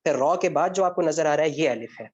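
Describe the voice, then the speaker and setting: An Arabic grammar teacher gives an online lecture with student questions, his fairly high, expressive male voice carrying a darkish tone. He works through the material step by step, often posing a question and then answering it himself, all in dull lo-fi sound.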